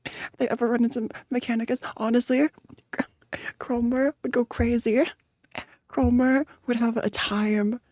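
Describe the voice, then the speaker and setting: Cute, high-voiced anime-streamer woman. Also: level tone, a little slow, darkish tone, no echo, studio quality. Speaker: VTuber streamer reacting to a video. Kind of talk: casual reaction stream chat.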